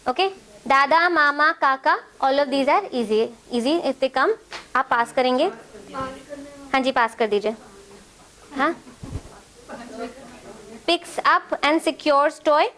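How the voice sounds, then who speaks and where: High-voiced Indian woman explaining child assessment. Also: very slow, pauses often, pushed and bright. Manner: mixes English and Hindi, explains step by step. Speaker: trainer. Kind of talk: teaching a developmental assessment.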